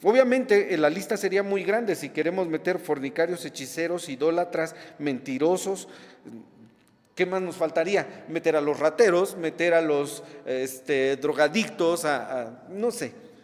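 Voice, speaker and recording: A man's voice: fairly high pitch, measured pace, big-room sound. A man preaching a sermon, emphatic, repeating key words and checking in with the congregation. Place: church.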